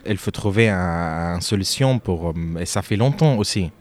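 A man from Lebanon answering interview questions about his music, speaking haltingly with frequent fillers and restarts. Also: sits low, expressive.

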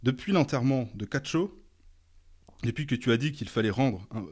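A man's voice: medium pitch, lively intonation, moderate pace, darkish tone, husky. A man voicing a defensive, exasperated landowner who protests his innocence and scolds his foremen. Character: defensive, blustering male estate owner's brother.

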